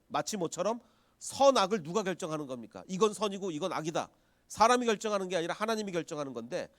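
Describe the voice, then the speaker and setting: Lively Korean pastor preaching. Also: male voice, high-pitched, dry recording, clean studio sound. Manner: animated preaching, acts out quoted voices, rises and drops in volume. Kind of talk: sermon.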